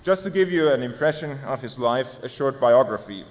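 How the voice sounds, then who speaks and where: A man presenting a theology paper, reading it aloud in a formal, measured way with small self-corrections. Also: mid-range voice, animated. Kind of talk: reading a prepared academic paper. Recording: long hall reverb.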